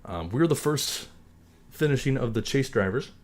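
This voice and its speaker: A young man streaming a racing game live, calling the action in an excitable, announcer-like play-by-play. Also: mid-range voice, normal speed. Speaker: gaming streamer.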